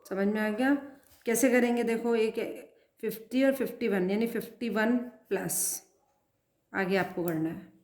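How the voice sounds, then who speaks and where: Lady maths teacher, slow patient counting, echoey classroom sound. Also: mid-range voice, steady tone, a little mellow. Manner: slow and patient, counting aloud and asking pupils questions. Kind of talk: classroom math lesson, writing as she explains.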